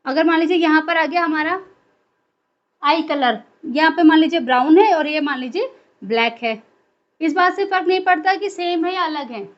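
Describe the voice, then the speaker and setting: High-voiced woman teaching biology. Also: moderate pace, muffled recording. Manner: asks questions then answers them herself. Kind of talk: classroom lecture.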